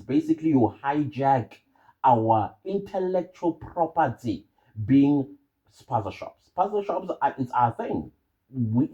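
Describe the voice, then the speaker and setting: A man's voice: medium pitch, dark tone, lo-fi sound. A man with a South African accent giving informal, opinionated commentary as a channel host, emphatic and repeating phrases for stress.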